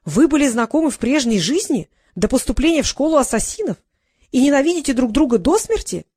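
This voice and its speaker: A woman reading the lines of an excitable male teacher at an assassin school, gushing and theatrical. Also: high-pitched, fairly quick, slightly rough, no echo, studio quality, voice pushed up, full character voice. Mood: delighted.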